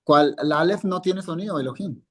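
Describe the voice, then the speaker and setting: A man's voice: fairly high pitch, a little fast. A male Hebrew teacher, giving a live classroom lesson and patiently quizzing students by name, repeating each word. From Colombia.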